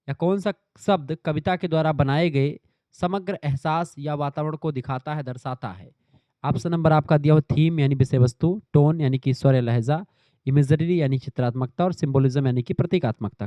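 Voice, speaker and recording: A male teacher with a somewhat high, mellow voice, working through exam questions. He reads each question slowly, then explains it in quick, repetitive bursts aimed straight at his students. The recording is dull and dry. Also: no echo. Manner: repetitive, addresses students directly. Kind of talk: exam-prep lecture.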